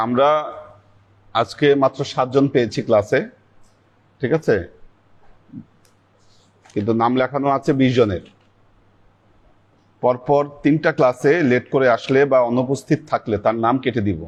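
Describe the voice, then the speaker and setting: A man teaching a class on pronouncing Arabic letters, speaking slowly and patiently, drawing out each letter sound. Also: medium pitch, breathy edge. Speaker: Sufi teacher leading a weekly class.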